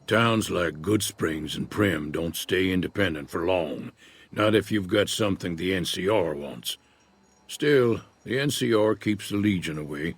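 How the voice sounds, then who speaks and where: An actor voicing a retired old male prospector in a video game, speaking in an unhurried folksy drawl. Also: low-pitched, animated, breathy edge, full character voice. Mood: easygoing. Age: older. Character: weathered old male prospector, laid-back and wary. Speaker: retired prospector in a frontier town.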